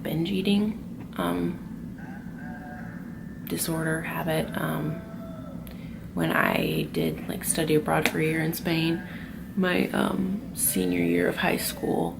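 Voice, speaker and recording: A young woman vlogging casually at her night job, talking softly and half in a whisper, swearing now and then. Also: lowish voice, takes it slowly, creaky, long pauses, background noise. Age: young adult. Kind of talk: casual confessional talk. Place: group home at night, indoors.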